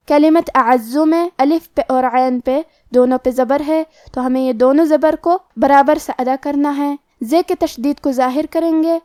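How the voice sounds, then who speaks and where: A woman with a high, clear voice teaches the rules of Quran recitation in a calm, step-by-step way. She explains each rule plainly and then recites the words slowly. The sound is dry and close, with no room echo. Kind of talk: tajweed lesson with slow recitation.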